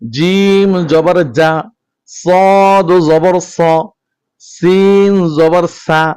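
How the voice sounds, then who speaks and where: A man teaching Quran reading, chanting each Arabic letter with its vowel mark in a slow, measured drill, then speaking to his viewers in a softer voice. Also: high voice, little pitch movement, clear, resonant tone. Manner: softer, quicker closing talk to viewers.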